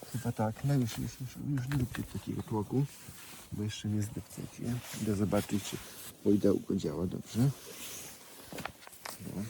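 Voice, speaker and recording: Man, lowish voice, cooing to animals outdoors, clear animal and field noise behind. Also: warm tone, poor audio. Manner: affectionate, chatty, talks baby-talk to donkeys. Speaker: animal sanctuary caretaker. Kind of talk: casual vlog talk to animals and viewers. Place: outdoors in a donkey paddock. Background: animal sounds outdoors.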